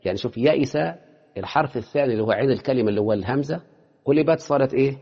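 Egyptian guy teaching grammar fast, keeps quizzing the class, muffled sound in a big echoey hall. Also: mid-range voice, breathy edge. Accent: Egyptian Arabic. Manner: quizzes students with quick rhetorical questions. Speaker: teacher of Arabic morphology. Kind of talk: classroom lecture. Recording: lo-fi with long hall reverb.

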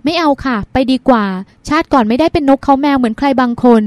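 A teasing, stubborn young woman with a pouty, bratty manner, read by a woman in an audiobook. Her voice sits high, with a close, dry sound. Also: fast, darkish tone, no room sound, lightly acted.

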